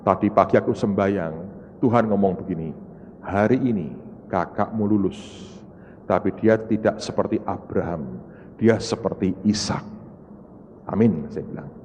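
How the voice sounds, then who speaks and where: A man's voice: moderate pace, pauses often, darkish tone, a little hiss or hum. A man from Indonesia, preaching a dramatic sermon and acting out the people in his story. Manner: dramatic storytelling, voicing others in rising high-pitched outbursts and repetitions. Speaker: pastor. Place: large church. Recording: long reverb of a large church hall.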